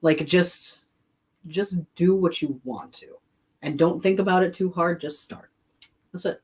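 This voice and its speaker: A woman's voice: on the low side, unhurried, darkish tone, husky. A woman co-hosting a casual podcast, laughing often and trailing off into restarts as she talks with a friend. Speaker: podcast co-host and streamer.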